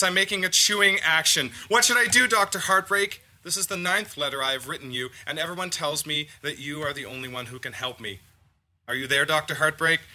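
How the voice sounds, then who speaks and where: A man performing a comic spoken-word poem at a live reading, theatrical and swinging between loud and soft. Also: fairly high pitch. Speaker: performance poet.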